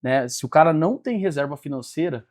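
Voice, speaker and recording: A man's voice: a little high, animated, brisk, darkish tone. A man, telling his life story as a podcast guest and acting out the dialogue. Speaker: guest, business mentor. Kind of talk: personal storytelling in a podcast interview.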